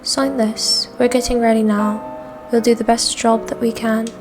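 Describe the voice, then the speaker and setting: A woman voicing a calm male surgeon in a put-on accent, measured and professional, reading game dialogue aloud. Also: fairly high pitch, natural voice. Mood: grave.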